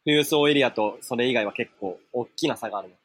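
A man with a husky voice, chatting casually as a podcast co-host. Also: medium pitch, fairly quick, fairly bright tone, dry recording. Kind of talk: casual chat. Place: Thai restaurant or cafe, calling in.

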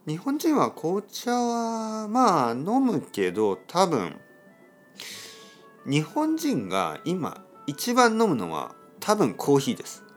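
Lively, repetitive Japanese-teaching man. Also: a little high, takes it slowly, faint music behind. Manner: repeats key words, many soft fillers. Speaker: podcast host teaching Japanese. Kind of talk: simple spoken explanation for learners.

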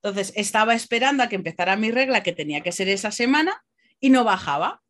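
As a podcast guest, this fast-talking Basque woman with a medium-pitched voice shares personal anecdotes in a relaxed way. She's chatty and animated, quoting and performing bits of dialogue as she goes.

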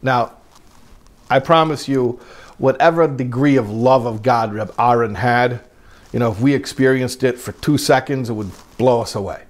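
A man teaching a religious class, telling a story in a lively way and breaking into quoted lines, with frequent repeated words. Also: mid-range voice, normal speed.

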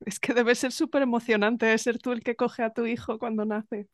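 A woman's voice: on the high side, little pitch movement, normal speed, dry recording, studio quality. A woman hosting a podcast who answers her guest with empathetic, reflective comments. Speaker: podcast host. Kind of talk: interviewing, conversational.

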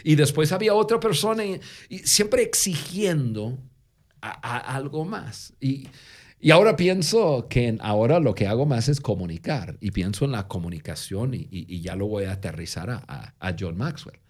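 A man co-hosting a podcast who tells stories in casual Spanish, which is not his first language, with a lingering foreign accent and frequent halting restarts. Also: mid-range voice, expressive, darkish tone. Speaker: podcast co-host. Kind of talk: casual conversational storytelling.

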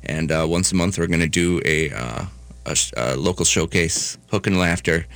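Male guest, deep, dry close sound, halting casual delivery. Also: creaky, fairly bright tone, no room sound. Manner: halting, many hesitations. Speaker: comedian guest. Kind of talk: casual radio chat.

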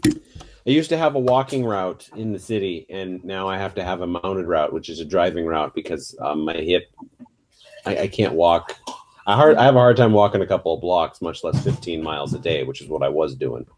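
A man's voice: deep voice, expressive, moderate pace, a little mellow. A man in his early forties chatting casually. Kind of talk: casual chat.

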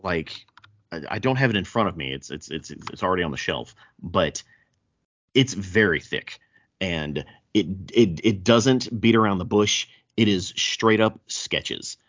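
A man's voice: low voice, animated, unhurried, a bit bright. A man with a thick Southern US accent hosting a casual podcast chat, often stammering and repeating words as he goes. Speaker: podcast host. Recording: dull, roomy echo.

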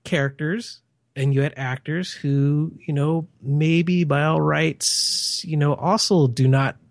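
A man's voice: on the high side, steady tone, takes it slowly, vocal fry, dry recording, clean studio sound. A man reviewing a film in casual chat, rambling and peppering his talk with "you know".

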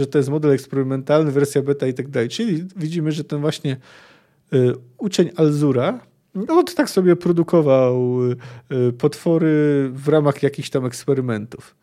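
Obsada: mężczyzna, prowadzący podcast książkowy, wyższy głos, łagodna barwa, wahający się ton. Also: male voice, fairly high pitch, normal speed, mellow. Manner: thoughtful, hesitant. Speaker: podcast host discussing a book. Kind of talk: reading aloud and commenting.

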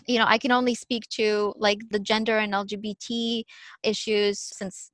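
A woman's voice: mid-range voice, moderate pace, no room sound. A woman from Ukraine in a conversational talk, telling personal stories and acting out the lines of people in them. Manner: animated storyteller, acts out quotes. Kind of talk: conversational podcast storytelling.

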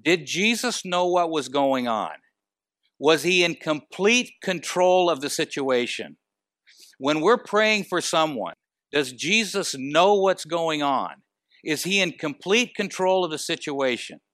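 A man preaching a sermon, asking the congregation rhetorical questions and moving between quiet and emphatic delivery. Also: fairly high pitch, expressive, takes it slowly, no echo, studio quality.

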